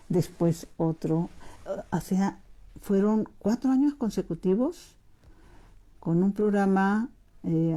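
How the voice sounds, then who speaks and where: A middle-aged woman preaching a personal testimony, her voice low-set and mellow. She tells her story warmly to her listeners, climbing higher for emphasis and then dropping to a hushed near-whisper. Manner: storytelling, addresses listeners as brothers, rising and hushing for emphasis. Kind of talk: testimony sermon.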